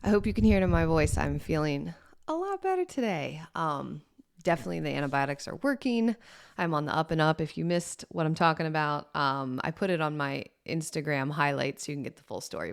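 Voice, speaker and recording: A woman in her thirties with a low, hoarse voice gives a chatty morning talk. Her voice is rough and scratchy from a sore throat, and she rambles in a friendly, upbeat way. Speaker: podcast host and fitness coach. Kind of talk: casual morning chat.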